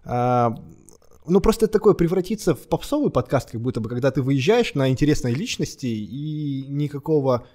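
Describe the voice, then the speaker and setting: A man with a lisp hosting a casual podcast, hesitantly forming his questions with drawn-out fillers. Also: medium pitch, animated, mellow. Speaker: podcast host. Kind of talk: casual interview chat.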